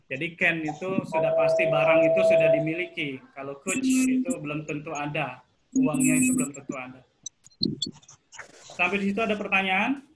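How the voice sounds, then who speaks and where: A man's voice: a little high, fairly bright tone, slight background noise, poor audio. Indonesian man teaching English, patient. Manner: patient, asks students questions often. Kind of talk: online class lesson.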